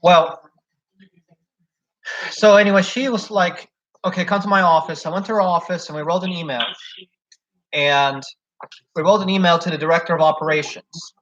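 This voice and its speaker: A man's voice: on the high side, moderate pace, pauses often, a bit bright. Rambling young man on a dull recording. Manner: rambling retelling full of "like" and "so". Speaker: job applicant telling a story. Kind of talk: casual chat.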